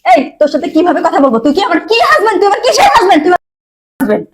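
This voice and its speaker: A woman's voice: extremely high pitch, sing-song. An actress playing a contemptuous young wife who taunts her husband. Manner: taunting, rude, rapid-fire questions. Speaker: wife and daughter.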